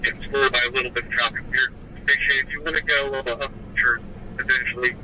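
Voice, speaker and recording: A man's voice: medium pitch, little pitch movement, fast talker, bright, forceful tone. A male police officer giving clipped procedural updates over police radio. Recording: noisy police radio scanner feed.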